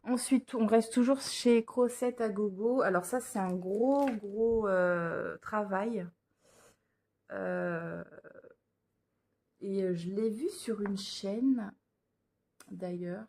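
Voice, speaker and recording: Speaking extremely slowly with long pauses, a woman in a casual show-and-tell vlog presents her cross-stitch patterns indoors under a lamp. Her medium-pitched voice is mellow, and her talk is hesitant, with many fillers and restarts.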